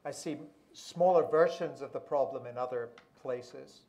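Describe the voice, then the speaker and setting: A man born in Malaysia speaks as a pastor on a conference panel. His voice is mid-pitched, and he talks in a measured, reflective way, often restarting his phrases. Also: a little mellow. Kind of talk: panel discussion remarks.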